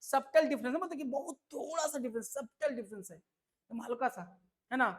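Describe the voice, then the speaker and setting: A man's voice: extremely high pitch, normal speed. A man teaching English vocabulary for an exam in a chatty, casual way, often checking in with listeners. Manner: chatty, repeats "है ना?" and "ठीक है" to check in. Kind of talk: casual tutoring lesson.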